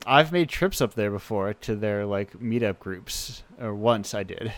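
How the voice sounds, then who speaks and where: A man's voice: on the low side, lively intonation, unhurried. A man hosting a radio show, talking in an enthusiastic, rambling way with many restarts. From United States. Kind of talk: casual chat.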